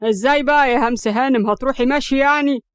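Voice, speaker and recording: A woman with an Egyptian accent voicing a hot-tempered young man who snaps sarcastically and shouts in anger. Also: high-pitched, fast, clean tone, no echo, close to an everyday voice. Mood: heated sarcastic.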